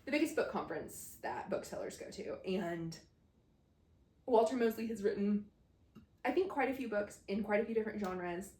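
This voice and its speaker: A woman's voice: medium pitch, expressive, moderate pace, darkish tone. Chatty woman gushing about books. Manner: chatty and gushing, with frequent laughs. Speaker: book reviewer. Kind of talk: casual chat. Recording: roomy sound from a distant mic.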